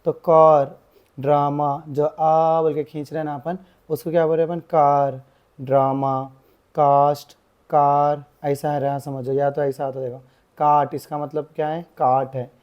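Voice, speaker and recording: A young man explaining a grammar lesson as a tutor. He uses the same filler phrases again and again and draws out example words slowly. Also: a little high, little pitch movement, lo-fi sound.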